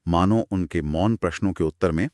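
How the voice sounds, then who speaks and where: A man co-hosting a conversational retelling of scripture, narrating with expressive, dramatic pauses. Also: low-pitched, dry recording, studio quality. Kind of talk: conversational storytelling discussion.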